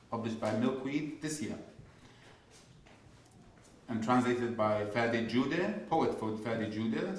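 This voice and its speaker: A man hosting a poetry reading, reading out guest introductions with many pauses, fillers and restarts. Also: mid-range voice, a little hiss or hum. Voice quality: hesitant, halting delivery. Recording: echoey room, far from the mic.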